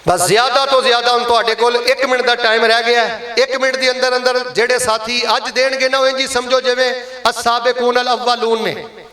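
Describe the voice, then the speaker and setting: A man's voice: very high voice, flat delivery, normal speed, sharp tone, roomy sound. A man with a Punjabi accent leading a mosque fundraising appeal during a Friday sermon, coaxing and blessing the congregation.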